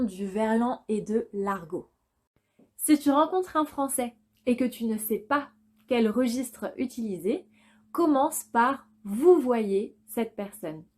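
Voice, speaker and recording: A young woman teaching a French lesson, speaking slowly and carefully and repeating example phrases for learners. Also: fairly high pitch, darkish tone. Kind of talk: slow, clear language lesson.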